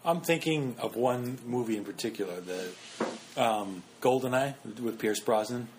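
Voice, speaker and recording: A man's voice: medium pitch, moderate pace, background noise. A young man co-hosting a casual podcast chat, rambling and hesitant with lots of fillers. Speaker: podcast co-host.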